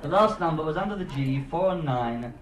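A man's voice: on the high side, animated. Echoey male bingo caller, teasing patter. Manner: teasing showman, pausing for suspense. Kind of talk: bingo calling, drawn-out patter with number nicknames and repeats. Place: ship lounge with an audience. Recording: echoey lounge, far mic, crowd noise.

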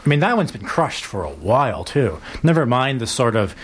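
A man's voice: mid-range voice, sing-song, moderate pace, slightly rough. A man hosting a casual talk radio discussion, rambling with lots of fillers. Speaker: radio talk show host.

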